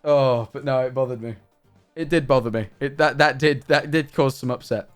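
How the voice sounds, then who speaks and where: A young man streaming live, chatting in a rambling, animated, self-mocking way. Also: mid-range voice, normal speed, clean tone, soft background music. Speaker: livestreamer. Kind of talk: casual stream chat.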